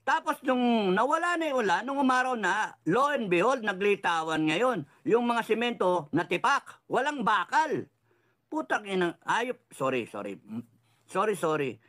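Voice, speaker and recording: A man's voice: sits high, very animated, moderate pace, a bit bright. A middle-aged man delivering a heated, sarcastic political rant, swearing often and slipping English phrases into his talk. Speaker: political commentator.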